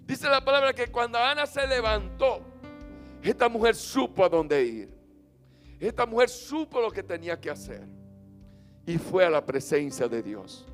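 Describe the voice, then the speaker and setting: A man preaching a sermon as pastor, leading call-and-response and swinging from loud chanted lines to soft low ones. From Dominican Republic. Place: church sanctuary. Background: faint instrument music.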